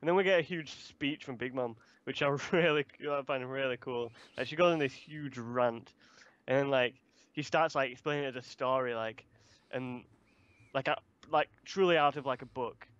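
A man's voice: mid-range voice, moderate pace, a bit bright, no echo. Rambling chatty man, lo-fi sound. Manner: rambling, chatty, swears casually. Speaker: co-host of manga review. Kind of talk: casual chat.

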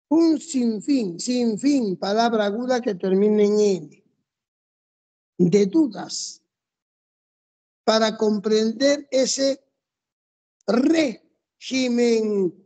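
Slow, mellow-voiced classroom teacher. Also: medium pitch. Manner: methodical, drills rules step by step and quizzes students. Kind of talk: classroom lesson.

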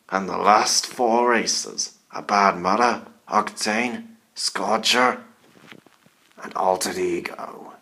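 A man's voice: lowish voice, creaky, bright, forceful tone, a little hiss or hum. A man commentating a toy car race in a put-on scary Halloween voice, calling out bursts at each start.

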